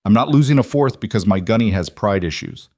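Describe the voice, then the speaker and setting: A man voicing a brisk, blunt woman Marine colonel in a story reading. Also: lowish voice, animated, darkish tone, no room sound, clean studio sound. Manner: blunt, clipped.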